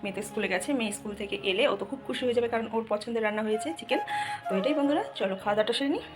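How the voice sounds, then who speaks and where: A woman's voice: fairly high pitch, racing, music in the background, poor audio. Chatty woman narrating her day. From Bengal. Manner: chatty, narrating her chores as she goes. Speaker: vlogger. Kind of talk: casual home vlog narration.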